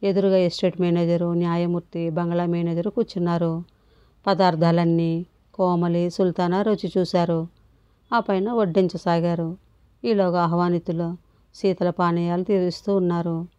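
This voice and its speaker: A woman reading a novel aloud in a steady, measured storytelling voice. Her tone is mellow and warm, and the recording is dry and slightly dull. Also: fairly low pitch, smooth, no room sound. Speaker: audiobook narrator.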